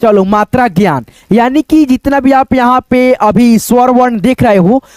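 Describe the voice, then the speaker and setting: A man's voice: extremely high pitch, a little mellow, dry recording. A man teaching beginners to read Hindi, sounding out letters and words syllable by syllable and often checking in with his viewers. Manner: slow, drawn-out syllable-by-syllable sounding out, repeating each word; keeps addressing viewers as friends, checking with tag questions. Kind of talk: online Hindi lesson for beginners.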